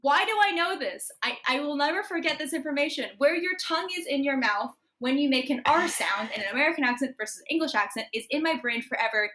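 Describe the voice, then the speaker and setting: A woman co-hosting a podcast, chatting in an animated, giggly way and explaining things eagerly. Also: high voice, fast, hardly any pauses. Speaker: podcast co-host. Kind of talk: casual podcast chat.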